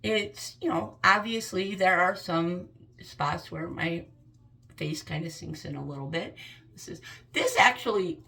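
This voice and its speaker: A woman's voice: on the low side, unhurried, vocal fry, sharp tone, poor audio. A woman in her fifties speaking candidly and earnestly to camera in a personal vlog. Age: 50s. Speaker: vlogger.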